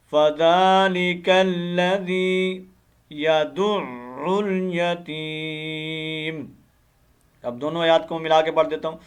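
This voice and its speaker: Smooth high-voiced man teaching recitation. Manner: slow drawn-out recitation switching to quick explaining. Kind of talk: tajweed lesson, spelling and reciting word by word.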